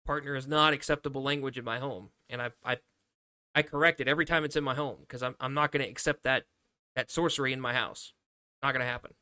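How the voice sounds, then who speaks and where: A man's voice: mid-range voice, steady tone, fast talker, pushed and bright, clean tone, no room sound, studio quality. A man talking casually on a podcast, emphatic and often repeating words as he restarts. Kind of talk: casual chat.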